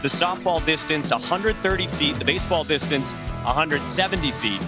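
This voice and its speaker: A man calling a youth baseball home run derby as play-by-play announcer, upbeat and brisk. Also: a little high. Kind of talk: sports broadcast commentary. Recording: music bed behind the voice.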